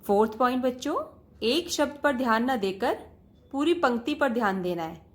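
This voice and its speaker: A woman's voice: fairly high pitch, animated, moderate pace. A woman teacher giving a patient lesson to children, often calling out to the students and repeating each point.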